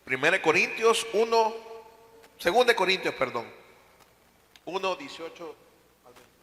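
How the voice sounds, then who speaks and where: A male pastor from Honduras preaches with a bright, tense edge to his voice, hammering his message through repetition and questions to the congregation. His sermon rings out in a roomy church hall with a long, lingering echo. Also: high-pitched, animated, moderate pace. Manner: preaching with repeated emphatic phrases and questions to the congregation.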